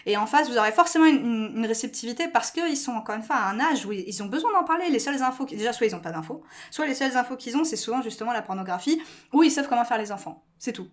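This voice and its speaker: A woman's voice: on the high side, lively intonation, fast talker. A middle-aged woman with a French accent, chatting candidly and informally as an interview guest, often digressing and poking fun at herself. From France. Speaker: interview guest, school educator. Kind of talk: animated informal interview talk.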